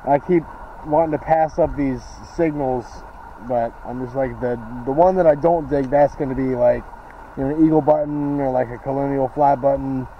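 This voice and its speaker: A man's voice: mid-range voice, fairly even intonation, moderate pace, muffled recording. Young guy doing a casual metal detecting vlog, mid voice, noisy handheld camera sound. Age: young adult. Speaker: treasure hunter and vlogger. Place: outdoors, on lawn and river water.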